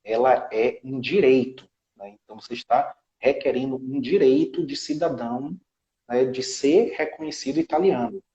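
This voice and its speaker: This guest, a citizenship law specialist with a Brazilian Portuguese accent, explains a legal procedure stage by stage during an interview, often tossing in tag questions. He has a warm, medium-pitched voice at a moderate pace. The sound is reverberant, with the highs cut off.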